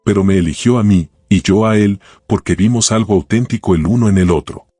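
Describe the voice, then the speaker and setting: A man with a deep, husky voice voicing a guarded but sincere young working-class woman who speaks in a measured way. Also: dark tone, dry recording, studio quality, faint music behind.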